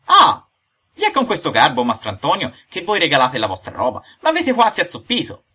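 A touchy old woodcarver, as a male narrator puts him on, squeaks high and loud whenever he is crossed. His voice leaps and swoops, bright and a little husky, and he flares up fast. A storybook figure through and through. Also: very animated, heavily acted. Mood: furious. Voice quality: shrill, shouting. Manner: high squeaky outbursts, quick to anger.

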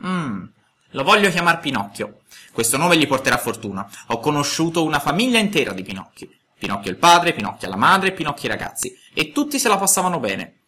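A man's voice: a little high, very animated, brisk, bright, forceful tone, voice pushed up. A man voicing a touchy old woodcarver. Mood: musing. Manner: exclamatory, easily offended. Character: touchy old male woodcarver, fatherly and peevish. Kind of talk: audiobook character voice.

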